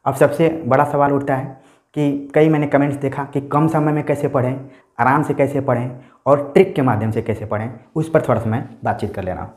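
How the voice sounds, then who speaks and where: A man's voice: mid-range voice, fairly even intonation, brisk, a little mellow. Man, teacher, exam-prep lecture, explanatory, checks in often, echoey room.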